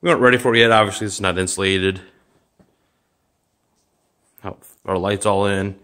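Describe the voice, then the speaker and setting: Speaking at a normal speed in a voice on the low side, this man has a bright, forceful tone and fairly even intonation. He's a vlogger doing a casual walkthrough of his garage and yard, partly outdoors, filming on a handheld phone and chatting offhandedly with rambling fillers.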